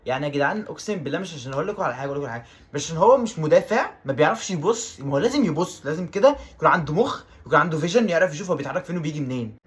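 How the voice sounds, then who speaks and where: A man with an Egyptian Arabic accent giving excitable let's-play commentary on a football video game, repeating his exclamations over and over. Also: a little high, racing, few pauses. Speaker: gaming YouTuber.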